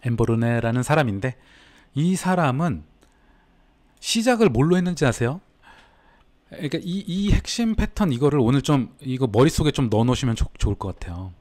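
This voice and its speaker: A man's voice: mid-range voice, animated, brisk, a little mellow. A man hosting a casual livestream as a business coach, talking to his chat and reading comments aloud. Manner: chatty, answers live chat, reads comments aloud.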